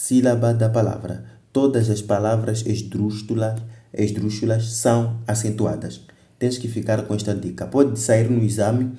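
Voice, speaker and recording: A man's voice: medium pitch, dark tone. Man teaching grammar, echoey room. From Mozambique. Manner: explains step by step, repeats examples, corrects himself mid-sentence. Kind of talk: exam-prep grammar lesson.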